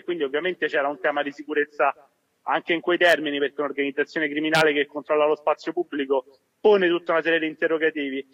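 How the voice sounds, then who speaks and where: A man's voice coming through a speakerphone call, pitched a little above the usual for a man. He explains things at a steady, measured pace, sometimes backing up and restarting his sentences as he addresses an audience by phone. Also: muffled recording. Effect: heard over a phone on speakerphone. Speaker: community organizer speaking as a remote guest. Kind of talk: public talk to a crowd by phone.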